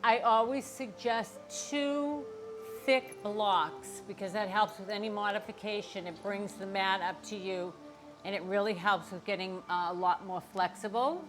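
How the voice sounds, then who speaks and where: A woman's voice: mid-range voice, measured pace, poor audio. An older woman, teaching a yoga class as instructor and explaining things encouragingly, straight to her viewers. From Boston area, United States. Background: music.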